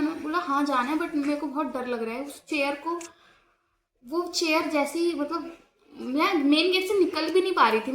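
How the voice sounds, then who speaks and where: High-voiced young woman telling a ghost story. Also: fairly bright tone, a little hiss or hum. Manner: conversational, halting with restarts and fillers. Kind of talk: casual personal ghost story.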